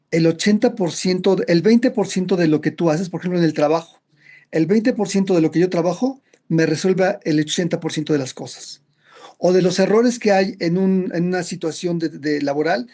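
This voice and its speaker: A man's voice: a little high, darkish tone. A man, a psychologist explaining ideas conversationally, with frequent restarts. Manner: storytelling, acts out quoted characters. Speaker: psychologist guest.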